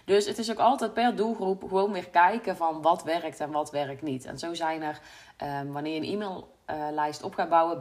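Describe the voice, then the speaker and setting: A woman with a Brabant Dutch accent and a low voice talks through her work on her own podcast. She is candid and reflective, and she pauses on frequent ums and uhs. It sounds like a casual solo monologue. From Brabant, Netherlands. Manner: reflective, candid, many fillers. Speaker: podcast host, business coach.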